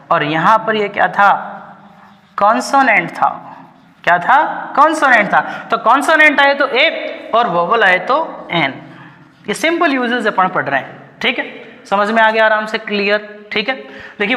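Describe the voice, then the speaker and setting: A man's voice: sits high, animated, normal speed, sharp tone. An Indian man teaching a grammar lesson, asking his class questions and answering them himself, with "okay" between points. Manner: keeps saying "ठीक है" between points. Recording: long hall reverb.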